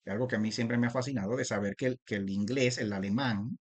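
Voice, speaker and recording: A man leads a recorded Bible lesson in a mid-pitched voice, talking straight to the listener and calling him brother. He restarts his phrases often, checks in with short tag questions, and slows right down to stretch out each ancient name. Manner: repetitive, addresses listener as "usted" and "hermano"; stretches out transliterated names slowly. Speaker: Bible teacher. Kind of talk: video lesson.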